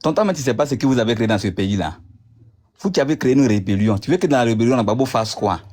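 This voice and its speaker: A man's voice: medium pitch, animated, fast, darkish tone. A man in a heated political argument, insistent and repeating himself as he talks over his opponent. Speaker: debate participant.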